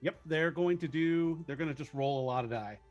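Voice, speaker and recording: A man's voice: fairly high pitch, a little fast, a little mellow, lo-fi sound, faint music behind. A man chatting casually as a tabletop game player, joking and muttering through his numbers.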